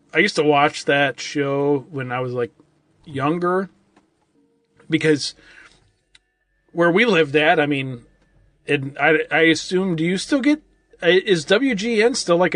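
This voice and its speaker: A man's voice: on the high side, measured pace, pauses often, a bit bright, no echo. A man co-hosting a casual movie-review podcast, rambling and loose, with lots of "like" and "I mean". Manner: rambling, full of "like" and "I mean", restarts a lot. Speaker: podcast co-host.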